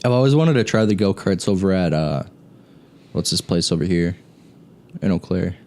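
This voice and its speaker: Low-voiced young man telling stories. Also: expressive, normal speed, a little mellow. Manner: rambling storyteller, swears casually. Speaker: show co-host. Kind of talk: casual chat.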